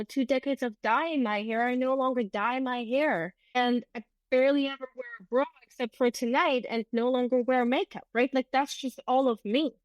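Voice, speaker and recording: Her pitch is fairly high and the recording has no echo. She's a middle-aged native German speaker and business coach, reflecting earnestly on her unscripted solo podcast and frequently starting sentences over.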